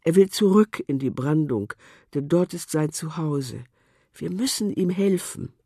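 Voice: mid-range voice, expressive, a little slow, dark tone, slightly rough, dry recording, studio quality, pitched above the performer's own voice. A narrator voicing a kind, determined little girl in a storybook. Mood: eager. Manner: earnest, caring.

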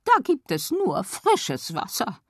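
A fussy, indignant little frog squeaks and wails in a high voice, as a woman narrator puts him on. He swoops through his complaints in a children's radio story, recorded close and dry. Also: huge pitch swings, slow, dry recording, exaggerated voice. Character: small fussy male frog, whiny and indignant.

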